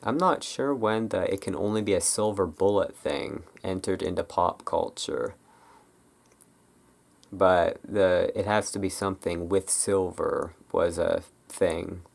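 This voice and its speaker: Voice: sits low, measured pace, gravelly. An ASMR creator chatting casually and off the cuff, rambling and hesitant, often trailing off. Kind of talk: casual improvised ASMR chat.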